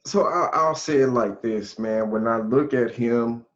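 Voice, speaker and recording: A man's voice: mid-range voice, a little slow. A forty-year-old man co-hosting a podcast, speaking earnestly in casual conversation and thinking aloud as he goes. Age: 40s. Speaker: podcast co-host. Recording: dull lo-fi sound.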